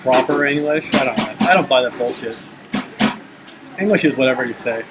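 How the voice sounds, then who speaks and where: A man's voice: medium pitch, expressive, brisk. A man from Long Island with an American accent, chatting casually in a joking, irreverent way. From Long Island, United States. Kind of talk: casual bantering chat. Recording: noisy live webcam stream.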